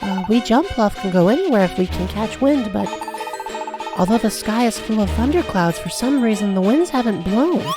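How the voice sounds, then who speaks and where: A woman voicing a small, gentle floating creature who is worried for a friend, in a soft, airy, timid voice. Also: medium pitch, expressive, normal speed, over music, natural voice.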